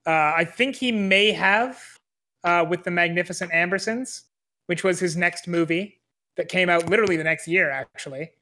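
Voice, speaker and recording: A man's voice: sits high, normal speed, pushed and bright. A man co-hosting a film podcast, chatting casually and hesitantly, with many fillers and restarts. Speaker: podcast co-host.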